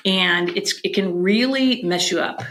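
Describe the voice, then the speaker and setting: A middle-aged woman, a podcast guest, chatting casually and telling animated stories, often restarting her sentences. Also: medium pitch, a little slow. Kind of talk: casual chat.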